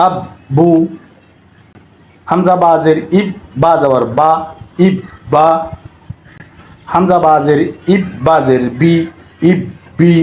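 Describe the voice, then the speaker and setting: A man's voice: a little high, a little mellow. A man teaching Quran letter reading, drilling syllables one by one in a careful step-by-step lesson. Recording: roomy echo.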